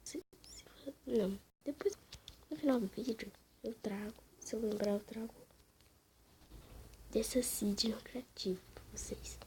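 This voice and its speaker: A woman's voice: a little high, normal speed, a little hiss or hum. A woman with a Brazilian accent whispering casual gameplay commentary at home at night while her family sleeps. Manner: whispering throughout, hushed and casual. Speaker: gaming channel host.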